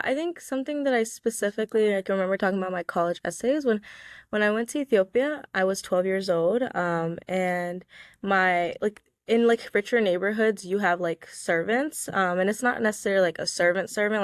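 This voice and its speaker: A young woman, a student guest from Georgia in the US, answers interview questions casually and chattily, dropping lots of "like"s and "um"s. Her voice sits in the mid range at a normal speed, recorded clean in a studio with no room sound.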